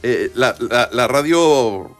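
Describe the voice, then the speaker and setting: Over background music, a Spanish radio music presenter with a mid-range, fairly bright voice chats informally. He takes it slowly, his intonation lively, as he tells digressive, jokey stories with real enthusiasm.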